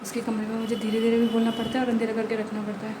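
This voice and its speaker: A woman's voice: on the high side, monotone, rapid-fire, echoey room. A woman in her twenties, a young mother, chatting to the camera in a casual home vlog, filmed on a handheld camera. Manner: chatty, talks straight to the camera. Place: home, kitchen and rooftop. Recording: noisy home recording.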